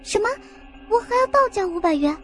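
A woman's voice: extremely high pitch, moderate pace, darkish tone, soft background music. A woman voicing an anxious young saleswoman who pleads and protests. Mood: indignant.

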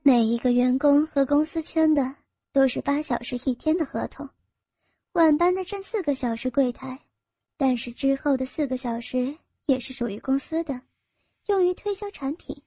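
A woman's voice: sits high, moderate pace, dark tone, no echo, studio quality. A woman voicing a cold, sneering female sales manager of about forty, speaking in a mocking, scolding way.

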